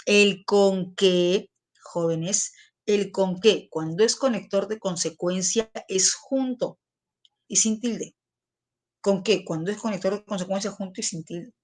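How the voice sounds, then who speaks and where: A woman's voice: medium pitch, a little slow, a little mellow. A middle-aged woman teacher giving a classroom lesson, repeating key terms and putting questions to her students.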